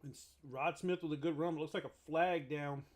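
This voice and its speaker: A man giving casual live reaction commentary on a football game, chatty and eating between plays, with sudden excited outbursts. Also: fairly high pitch, brisk.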